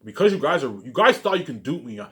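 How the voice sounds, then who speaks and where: A vlogger rambles through an unscripted monologue to his viewers, ranting, swearing and repeating himself along with the same verbal tags. His voice sits at medium pitch, sing-song and bright-ish, moving at a quick pace.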